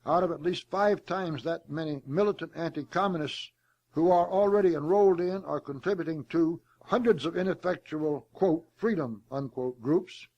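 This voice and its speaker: A man delivering a formal prepared speech in a deliberate, oratorical manner, reading it aloud and even saying the quotation marks. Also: on the high side, lo-fi sound. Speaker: speaker delivering a prepared address.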